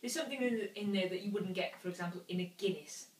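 A woman's voice: mid-range voice, quick pace. A woman in her thirties giving her opinions in a casual chat as a beer reviewer. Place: home kitchen, indoors. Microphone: camera a few feet away. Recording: echoey kitchen, distant camera mic, faint noise.

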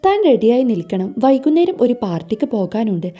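A woman's voice: a little high, very animated, brisk, dark tone. A woman voicing a stern, commanding young husband who gives curt orders in a storybook reading, over faint music.

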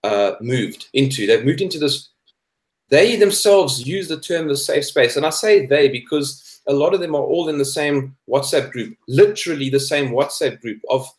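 A South African man in his thirties, a cartoonist appearing as a guest, gives his opinions in a debate chat. His mid-range voice moves at a moderate pace, and he's emphatic, repeating phrases for stress. He's on a video call from an indoor room, and the audio is echoey.

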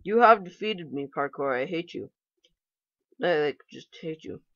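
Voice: mid-range voice, expressive, a little slow, a bit bright, no room sound, lo-fi sound. A gamer giving casual let's-play commentary, chatty and talking to themselves with playful frustration. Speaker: gameplay commentator.

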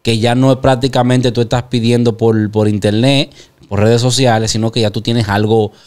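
A man with a Dominican accent hosting an interview, asking questions and affirming in a relaxed way. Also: medium pitch, moderate pace, clean tone. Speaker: interview host. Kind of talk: casual interview.

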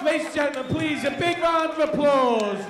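A man announces live fights in a booming, pumped-up style. His voice is pitched very high and rings around an echoey indoor hall. A noisy crowd sounds around him. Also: normal speed. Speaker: ring announcer. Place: large indoor fight venue. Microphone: handheld.

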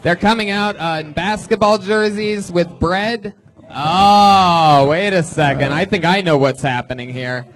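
A man hosting a live comedy show, excitedly calling out guesses and laughing as performers come on stage. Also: high-pitched, measured pace, faint music behind. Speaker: host.

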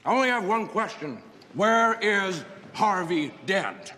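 An actor playing a scarred, unhinged criminal clown in a film, his speech erratic, drawling, and breaking into sudden shouts and whispers. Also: sits high, lively intonation, slow, slight background noise, exaggerated voice. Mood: taunting. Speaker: villain. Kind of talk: film acting. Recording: film dialogue with score behind. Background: film score music.

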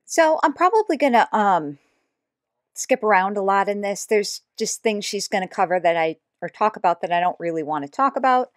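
A woman's voice: medium pitch, expressive, moderate pace, no room sound, studio quality. A woman hosting a reaction commentary video, talking casually and making sarcastic, mocking asides. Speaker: YouTube commentator.

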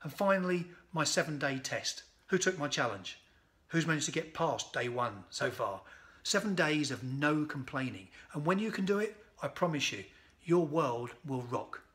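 A man in his fifties, a sales speaker, recording an energetic, punchy motivational message to camera in a sunny conservatory on a phone or webcam. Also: a little high, normal speed.

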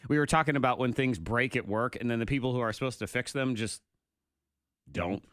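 A man's voice: medium pitch, fairly quick, a bit bright, no room sound. A man in his thirties hosting a morning radio show from a studio, talking in a wry, playful way into a studio mic. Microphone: studio microphone with headphones.

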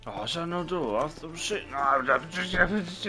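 A man's voice: a little high, animated, normal speed, music in the background. A man giving casual, jokey, sweary commentary while playing a game. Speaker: gamer, let's player.

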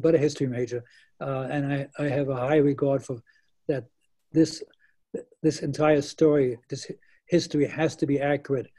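Halting man in his eighties, mellow. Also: medium pitch. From Netherlands. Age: 80s. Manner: halting, many restarts and fillers. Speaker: Holocaust survivor speaker. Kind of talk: remote lecture remarks.

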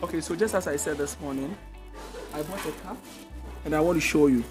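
A young man strolls through a big indoor supermarket, talking to viewers in a chatty vlog. He is recorded on a handheld phone as he walks. Loud music plays behind his voice throughout. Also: on the high side, fairly quick. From Ghana. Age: young adult. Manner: chatty, addresses viewers directly, frequent restarts. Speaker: vlogger. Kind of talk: casual vlog walkthrough. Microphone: handheld phone camera, walking.

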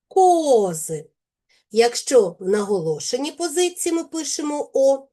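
Woman, Ukrainian accent, teacher, slow careful enunciation, mellow tone, lively pitch. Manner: slow, careful, deliberate enunciation of sounds and words. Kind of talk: scripted lesson for children.

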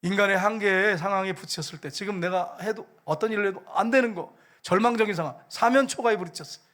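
Fervent high-voiced male preacher. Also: fast, fairly bright tone. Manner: emotional storytelling, rising to fervent exhortation. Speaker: pastor. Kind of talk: sermon. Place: church sanctuary.

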